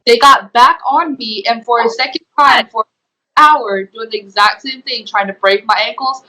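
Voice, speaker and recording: A woman's voice: fairly high pitch, moderate pace, pushed and bright, poor audio. A young woman giving a personal testimony as an interview guest, retelling events earnestly with many fillers. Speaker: guest, former program resident.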